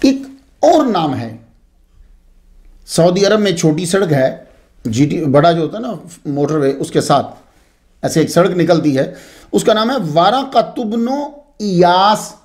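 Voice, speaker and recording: Here a man with a high voice speaks without hurry and pauses often. He gives a religious history talk as lively, rambling storytelling peppered with asides.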